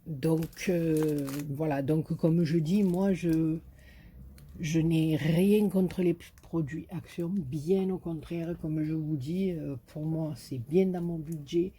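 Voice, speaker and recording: Woman, Marseille accent, slow-paced, mellow tone, hesitant haul chat, filler-heavy. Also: low voice, fairly even intonation, slightly rough. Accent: Marseille French. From southern France. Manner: hesitant, full of fillers and "voilà"; enthusiastic about paper designs. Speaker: craft vlogger. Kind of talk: casual haul video chat.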